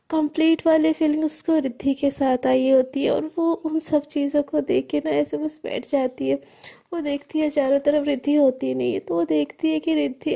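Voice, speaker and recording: A woman's voice: sits high, gravelly, warm tone. A woman telling a serialized love story in a conversational, intimate way.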